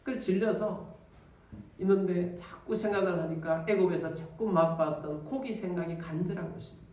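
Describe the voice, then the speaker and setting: A man's voice: high-pitched, normal speed. A male pastor preaching a storytelling sermon to his congregation, calling out to them as he tells the story. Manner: storytelling, animated, addresses congregation. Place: church with congregation. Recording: echoey church from a distance.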